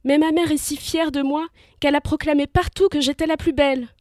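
A frightened young princess chained by the sea, voiced by a woman narrator, high and tearful. She sighs her lines and turns to cries of terror in a crisp, dry storybook reading. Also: steady tone, fairly quick, a little mellow, no room sound, natural voice. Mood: sorrowful. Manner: sighing, then crying out in terror.

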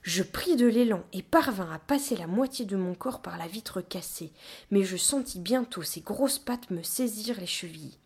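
A woman narrates a children's story in a breathy, hushed voice. Her delivery is tense and close, often slipping toward a whisper. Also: medium pitch, animated, normal speed. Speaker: audiobook narrator. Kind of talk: scripted first-person narration.

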